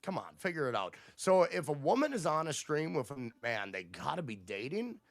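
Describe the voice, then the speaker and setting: A man's voice: a little high, sing-song, moderate pace, no echo. Profane, combative male streamer. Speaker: livestream host. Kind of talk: casual livestream rant to chat.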